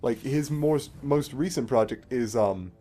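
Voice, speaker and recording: A man with a warm, mid-range voice speaks a little slowly over game music. As a let's play host, he plays the game while giving casual, explanatory commentary in a wry style.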